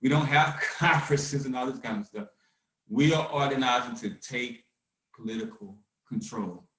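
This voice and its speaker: A man hosting a conference call, talking with fire and swinging from shouting to hushed calm. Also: medium pitch, normal speed, recorded from a distance. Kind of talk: impassioned activist talk. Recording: roomy echo.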